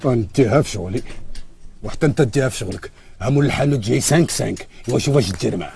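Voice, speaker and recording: Prying Moroccan man, dark rapid voice; film role. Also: medium pitch, expressive, gravelly, slight background noise. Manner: prying, confrontational. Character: suspicious adult man, questioning a friend. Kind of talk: film dialogue.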